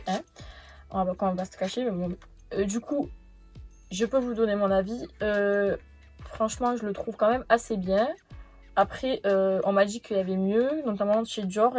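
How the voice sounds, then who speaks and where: A young woman talks her audience through a beauty haul in a loose, chatty way. She hesitates often, filling gaps and restarting her sentences, her voice sitting at an ordinary middle pitch. Faint music plays under her. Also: a little mellow. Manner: rambling, many fillers and restarts. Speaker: beauty vlogger. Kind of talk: casual product haul.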